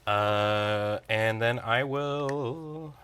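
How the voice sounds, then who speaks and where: A man casually talking through his own turns in a card game, halting with fillers and restarts. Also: mid-range voice, fairly bright tone, smooth.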